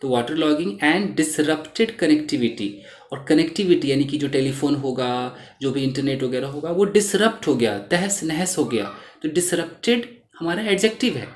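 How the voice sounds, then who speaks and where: A man teaching English in Hindi, reading lines from a news article slowly and then explaining the meaning of each word. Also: fairly high pitch, animated. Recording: roomy echo.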